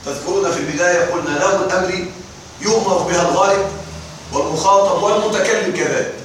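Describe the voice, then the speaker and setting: High-voiced male teacher in an echoey room. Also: quick pace. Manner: explains step by step, often checks the class understands. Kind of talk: classroom lesson explaining grammar verse. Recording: echoey room, distant mic, faint noise.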